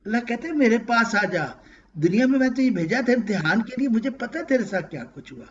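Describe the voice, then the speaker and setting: A man giving an emotional religious lecture, swinging between loud exclaims and hushed phrases and reciting verses in Arabic. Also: very high voice, sing-song, muffled recording, a little hiss or hum. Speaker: Quran lecturer.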